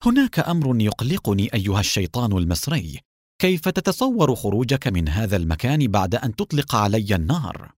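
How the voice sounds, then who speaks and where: A man's voice: fairly low pitch, big pitch swings, fairly quick, no room sound, clean studio sound. A man playing a sly, cunning villain. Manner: sly, smooth-talking.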